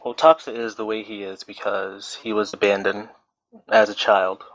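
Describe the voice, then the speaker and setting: A man's voice: lowish voice, moderate pace, dry recording. A man in his twenties, a podcast guest, chatting casually and rambling with plenty of fillers. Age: 20s. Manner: relaxed, rambling, frequent fillers. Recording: dry, dull lo-fi voice chat audio.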